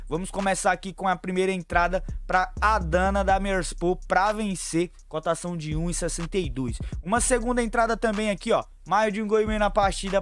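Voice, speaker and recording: Homem animado dando palpites de apostas. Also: male voice, high voice. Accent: Brazilian Portuguese, São Paulo fan. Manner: brisk, chummy, calls viewers family and partner. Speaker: sports betting tipster. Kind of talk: fast betting tips over screen share. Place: small room at home.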